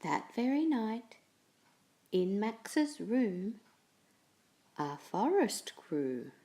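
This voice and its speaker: Slow, animated woman reading a story. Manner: slow, expressive reading with lively pitch. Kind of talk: children's story read aloud.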